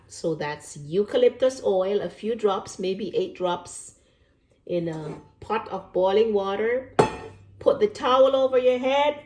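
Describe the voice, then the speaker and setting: The retired nurse speaks with a fairly low, slightly mellow voice as she casually demonstrates a basic remedy at home. She moves through it step by step and tends to say things more than once. Faint hiss and echo fill the recording.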